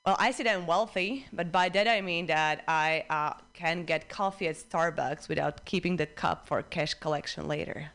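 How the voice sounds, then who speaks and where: Young czech woman doing standup, lowish voice, dry deadpan timing, club stage. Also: moderate pace, hardly any pauses. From Czech Republic. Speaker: stand-up comedian. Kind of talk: stand-up set.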